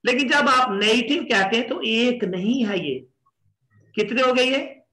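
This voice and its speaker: A man's voice: very high-pitched, a little slow, bright, forceful tone. A middle-aged man with a Pakistani accent teaching pronunciation, patiently repeating words to drill them. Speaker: English teacher. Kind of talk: pronunciation lesson. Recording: echoey room.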